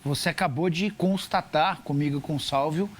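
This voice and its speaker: A Brazilian man with a notably high voice talks very quickly in a sports debate. He presses his points insistently and argues like a seasoned football pundit. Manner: argumentative, insistent.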